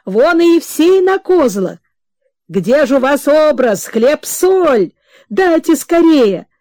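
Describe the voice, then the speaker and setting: A woman's voice: high voice, big pitch swings, slow, warm tone, no echo, pitched above the performer's own voice, heavily acted. A woman doing a fussy, bustling old family friend. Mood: flustered scolding. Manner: bustling, scolding, exclaiming. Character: fussy middle-aged male family friend.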